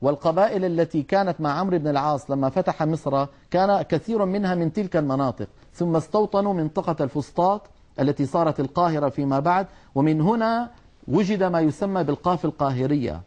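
A man teaching Quran recitation, explaining letter sounds earnestly and sometimes scolding, drawing out his demonstrations slowly. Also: fairly high pitch, a little mellow. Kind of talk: tajweed lesson.

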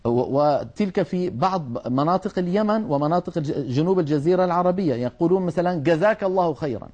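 A man teaching Quran recitation, explaining letter sounds earnestly and sometimes scolding, drawing out his demonstrations slowly. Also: a little high, lively intonation, darkish tone. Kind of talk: tajweed lesson.

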